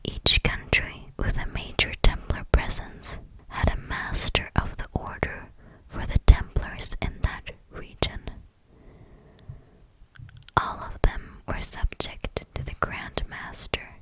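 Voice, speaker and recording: Slow ear-to-ear whispering woman, ASMR. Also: a bit bright, poor audio. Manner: whispering close into the listener's ears, moving ear to ear; slow, measured scripted reading. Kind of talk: whispered ASMR reading of a history text. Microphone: close-up stereo microphone.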